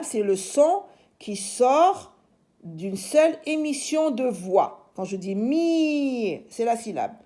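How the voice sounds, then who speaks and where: A woman teaching young children a reading lesson from home, sounding out syllables slowly and reassuring them patiently. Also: medium pitch, warm tone. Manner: slow, clearly segmenting syllables. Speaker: primary school teacher.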